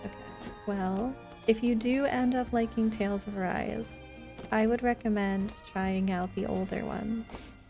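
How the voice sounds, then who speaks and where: Her voice a little high, creaky and mellow, a woman streams a video game live indoors at a measured pace and with fairly even intonation. She answers viewers and chats casually as she plays, faint music in the background.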